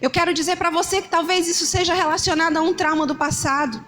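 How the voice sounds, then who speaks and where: High-voiced woman pastor preaching. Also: fast talker, slight background noise. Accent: Brazilian Portuguese, Ceará. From Brazil. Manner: animated storytelling, acting out shouting parents. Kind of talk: sermon.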